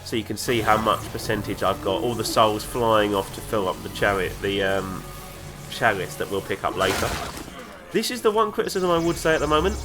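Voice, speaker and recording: A man's voice: lowish voice, animated, a little fast. Chatty man with a flu-stuffed voice. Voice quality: nasal from a cold. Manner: chatty, rambling, enthusiastic. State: congested with flu. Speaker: gaming video host. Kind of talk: let's play commentary. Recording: game music playing underneath. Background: game music and sounds.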